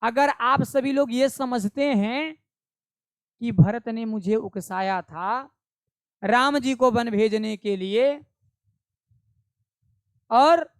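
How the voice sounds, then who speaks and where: Male Hindi teacher, slow and emphatic, smooth clear voice, dry close sound. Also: extremely high pitch, dry recording. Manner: slow, emphatic explaining with rhetorical questions. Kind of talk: classroom poetry explanation.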